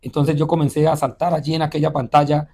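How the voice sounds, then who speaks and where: A man with a fairly high voice recounts his testimony as a pastor. He talks haltingly, restarting phrases and filling pauses with "eh". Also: little pitch movement, a little mellow. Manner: halting, repeats words and says "eh" often. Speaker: pastor and missionary. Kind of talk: telling a personal testimony in an interview.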